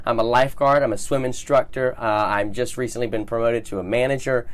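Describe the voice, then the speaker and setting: A man's voice: medium pitch, steady tone, fast talker, crowd noise. An American man hosting a casual interview, chatty and encouraging as he goes. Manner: chatty, encouraging with frequent affirmations.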